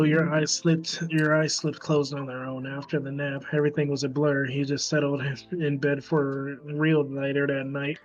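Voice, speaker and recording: A man with a slightly raised voice reads game narration aloud for friends, now and then stumbling and laughing at what comes next. The recording is a bit dull and muffled. Soft game music sits underneath. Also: on the high side. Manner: reads narration, breaks off giggling, swears casually. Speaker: streamer reading a visual novel aloud. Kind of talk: casual reading aloud with chat asides.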